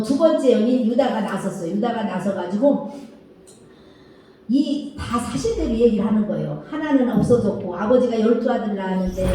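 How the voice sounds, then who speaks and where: A woman with a fairly high, mellow voice tells a children's sermon as a story. She acts out the quoted lines with animation. She is heard from a distance in an echoey church hall. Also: a little hiss or hum. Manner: animated retelling with acted quotes. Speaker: children's worship preacher.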